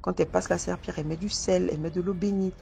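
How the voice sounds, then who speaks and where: Woman storyteller, low and gravelly, halting first-person tale with faint music underneath. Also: fairly even intonation, dark tone. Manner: hesitant, repeats words and restarts often. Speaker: storyteller recounting a personal mystical experience.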